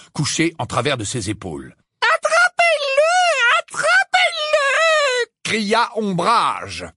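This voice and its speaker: A man reading an audiobook aloud in an expressive, dramatic way. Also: fairly high pitch, slightly rough, dry recording, clean studio sound. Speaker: audiobook reader. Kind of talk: audiobook narration.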